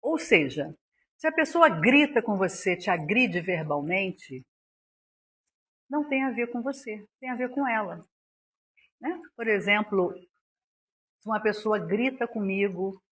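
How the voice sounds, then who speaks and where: Husky Brazilian woman giving a spiritual lecture. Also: medium pitch, lively intonation, measured pace, long pauses, fairly bright tone. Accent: Brazilian Portuguese. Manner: earnest, acts out anecdotes with quoted voices.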